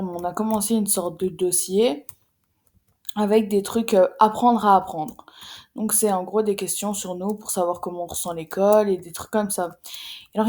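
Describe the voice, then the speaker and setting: A teenage girl, chatting casually to her viewers in a fast, rambling, slangy way with some swearing. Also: mid-range voice, mellow. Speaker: vlogger, secondary school student. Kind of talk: casual chat to camera.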